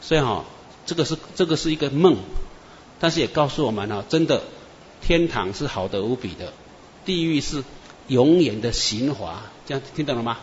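A man preacher, telling dream testimonies in an animated storytelling sermon. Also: mid-range voice, normal speed, a little hiss or hum. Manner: animated storyteller, many "啊" and "哈" tags. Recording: echoey muffled hall with faint ambience.

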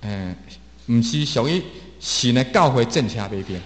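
Male interpreter echoing the preacher, animated, in a boomy hall. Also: measured pace. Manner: repeats each phrase, with small restarts. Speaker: sermon interpreter. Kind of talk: interpreting a sermon. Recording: roomy long hall reverb.

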